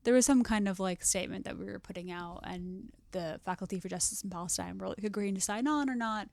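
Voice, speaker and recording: A young woman co-hosting a podcast, chatty and quick to laugh in casual conversation. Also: mid-range voice, creaky, a little mellow, no echo. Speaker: podcast co-host. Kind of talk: casual chat.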